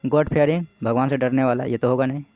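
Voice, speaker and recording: A man's voice: mid-range voice, steady tone, fast, dry recording, muffled recording. Man teaching English words in Hindi. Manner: spells words letter by letter, asks and answers own questions. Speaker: exam coaching teacher. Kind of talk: explaining English vocabulary in Hindi.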